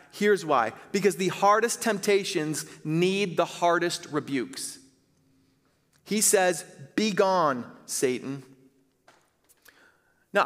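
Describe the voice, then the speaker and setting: A man in his thirties, a pastor preaching on a church stage, earnest and emphatic, slowing to stress key phrases. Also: on the high side, a bit bright. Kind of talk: sermon. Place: large church stage, indoors. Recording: reverberant church hall.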